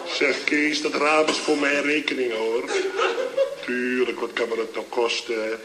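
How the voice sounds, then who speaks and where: A man's voice: medium pitch, level tone, unhurried, natural voice. A man playing a groggy hungover phone caller. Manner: fumbling, rambling, chuckling. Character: hungover man phoning his drinking buddy. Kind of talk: comedy sketch on the phone. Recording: old echoey recording with loud hiss.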